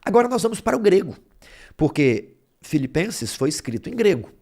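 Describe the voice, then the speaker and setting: A man's voice: sits high, sing-song, normal speed, dark tone. A man teaching a Bible lesson, explaining word roots step by step and checking in with his listeners as he goes. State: throat bothering him.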